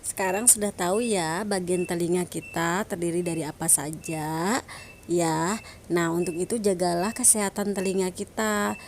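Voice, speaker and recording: A woman teaching a primary school class online, speaking gently and coaxing her pupils with frequent "ya". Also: lowish voice, steady tone, normal speed, slight background noise. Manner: gentle, coaxing, adds "ya" to sentences.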